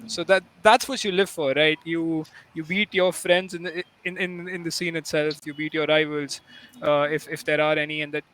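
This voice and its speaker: A man's voice: on the high side, fairly even intonation, moderate pace, fairly bright tone, low-quality recording. A man who hosts an interview, rambling and full of fillers as he works toward his questions. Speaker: host. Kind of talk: casual interview hosting.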